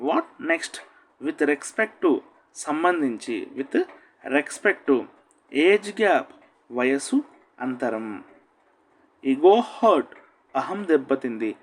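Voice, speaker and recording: Man, language teacher, very slow deliberate drills, pitch a little high, animated intonation. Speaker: spoken English teacher. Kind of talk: slow, deliberate English-Telugu phrase drills.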